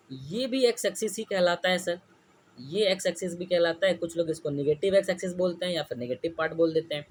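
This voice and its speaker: A male teacher gives a classroom-style lecture in a fairly high voice. He keeps putting questions to the class and then answers them himself, repeating the key points. Faint noise hums behind him. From India.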